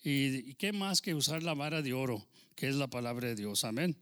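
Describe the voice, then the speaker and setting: A pastor from Texas with a Texan Spanish accent preaches a church sermon in a clean, slightly bright mid-range voice at normal speed. He grows fervent and louder whenever he quotes scripture, and amens come often.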